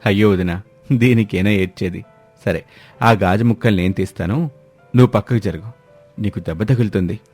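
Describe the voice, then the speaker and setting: A man's voice: on the low side, brisk, pauses often, a little mellow, slightly rough, faint music behind, voice pushed down. A male narrator voicing an earnest, concerned young man who keeps asking what happened. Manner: earnest, questioning.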